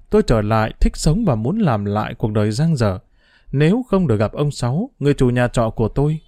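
A man reading a first-person diary novel aloud, emotional and expressive. His voice is dark and mellow, and his pitch moves widely through each sentence. The recording is close and dry. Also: dry recording. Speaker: audiobook narrator.

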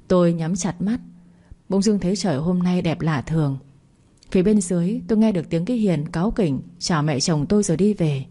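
A woman narrating a first-person bedtime story in a calm, even telling. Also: on the low side.

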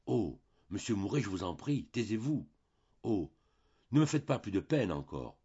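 A man voicing a gentle, pained young woman shop clerk in an audiobook reading, pleading in broken phrases. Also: on the low side, big pitch swings, moderate pace, slightly rough, heavily acted. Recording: dull lo-fi recording.

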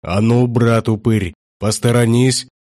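A man voicing a stern, grey-haired warrior-prior in an audiobook, with a deep bass and slow, weighty commands. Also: fairly even intonation, darkish tone, no echo, studio quality, lightly acted. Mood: stern commanding. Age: older. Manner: gruff, barking orders, slow and weighty. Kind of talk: audiobook character voice.

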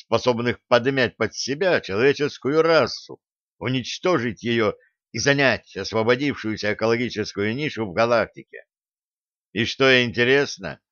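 A man narrating a science-fiction audiobook in an even, steady reading voice. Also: medium pitch, dry recording. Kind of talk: scripted narration. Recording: dull lo-fi audio.

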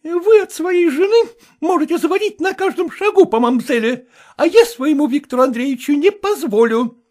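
A furious, jealous mistress shrieks and screams accusations, as a male narrator puts her on. Her voice sits very high and swings wildly. It is a storybook reading. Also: expressive, normal speed. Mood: spiteful. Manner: screeching, shouting accusations. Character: furious shrill middle-aged woman, jealous mistress.

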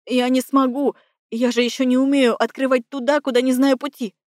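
A woman's voice: high-pitched, little pitch movement, a little fast, a little mellow, dry recording, studio quality, lightly acted. A woman voicing a wounded, frightened young man who protests anxiously. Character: wounded, frightened young male portal mage.

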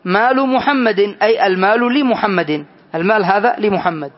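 Slow, high-voiced man teaching grammar. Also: highs cut off. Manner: slow, deliberate explanation with questions to students. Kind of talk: classroom lesson with students.

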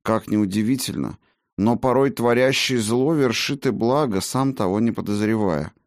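A man voicing a gentle, soft-spoken male healer who talks earnestly in an audiobook. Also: on the low side, normal speed, dry recording, studio quality, voice pushed up, natural voice.

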